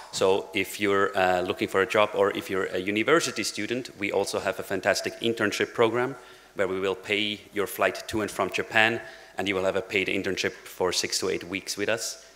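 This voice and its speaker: Speaking through a lectern microphone in a big conference hall, a young man from Switzerland delivers a laid-back technical talk full of "uh" and dry humor. His voice is lowish with a sharp tone, and the hall adds long reverb.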